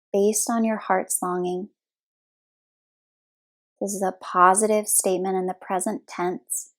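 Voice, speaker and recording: A woman at medium pitch guides a relaxing yoga nidra meditation, speaking soothingly in short, slow phrases with long pauses.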